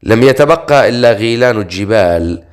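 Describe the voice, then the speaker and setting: A man voicing a proud female ghoul princess in an audiobook, giving quick, anxious warnings. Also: medium pitch, lively intonation, lightly acted. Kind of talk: audiobook character reading.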